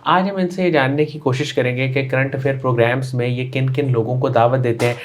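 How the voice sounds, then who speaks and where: A man's voice: medium pitch, fairly even intonation, slight background noise. A man hosting an interview show, introducing his guest and asking polite, formal questions. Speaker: interview host.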